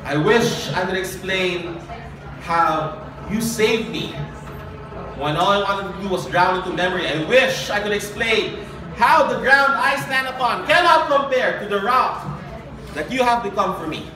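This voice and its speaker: At a small open-mic night, a young man with a high voice performs spoken word poetry earnestly and deliberately, using dramatic pauses and lively intonation. He uses a handheld and stand mic, but a distant camera captures him, so the sound is very echoey with clear noise.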